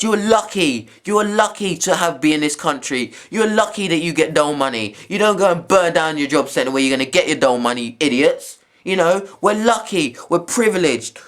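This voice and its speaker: A man's voice: a little high, fairly bright tone. A young man, giving a heated, repetitive rant to camera in a video blog. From England. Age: young adult.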